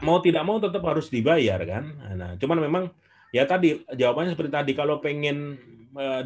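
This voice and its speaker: A man, answering questions as guest speaker in an online class, telling stories in a lively way with frequent "eh" fillers. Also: medium pitch. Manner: animated storyteller with frequent "eh" fillers.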